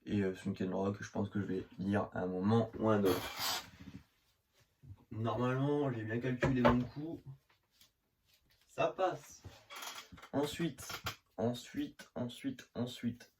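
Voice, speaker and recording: Filmed on a phone camera that leaves a faint hiss, a young man from northern France vlogs about his manga collection in a rambling, slangy way with lots of fillers and a northern French accent. He speaks slowly in a mid-range voice, leaving long pauses.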